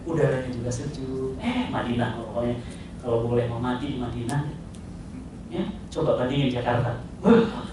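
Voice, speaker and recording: A male preacher giving an animated sermon, firing questions at the crowd and imitating car horns. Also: medium pitch, moderate pace. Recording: echoey hall, distant mic, noisy.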